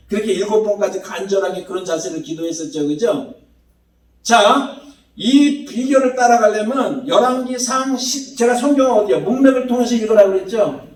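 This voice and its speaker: A man preaching a Sunday sermon in a church, talking to the congregation in a lively, conversational way and often asking them questions. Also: high-pitched. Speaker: pastor. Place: church sanctuary. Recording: roomy church hall, mic at a distance.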